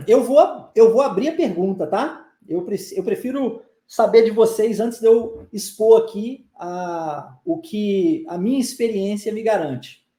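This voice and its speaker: A man's voice: high-pitched, lively intonation, measured pace, dark tone, roomy sound. A man with a Brazilian Portuguese accent gives a live online English pronunciation lesson, coaxing his viewers and drilling phrases through repetition. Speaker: English teacher.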